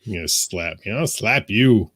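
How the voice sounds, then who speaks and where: A man's voice: fairly low pitch, animated, moderate pace, a bit bright, slightly rough, no echo. A man co-hosting a casual podcast from his basement studio, joking crudely and laughing often. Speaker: co-host.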